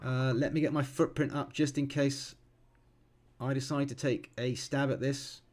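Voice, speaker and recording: Man giving calm live trading commentary. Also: medium pitch, normal speed. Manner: thinks aloud with many ums and self-corrections; calm, explanatory, teaching as he watches. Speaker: futures trader streaming live.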